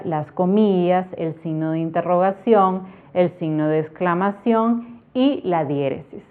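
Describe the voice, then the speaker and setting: A woman teaching a grammar lesson, explaining slowly and carefully and speaking her examples aloud. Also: fairly low pitch. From Nicaragua. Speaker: Spanish teacher. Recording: tinny phone-like sound.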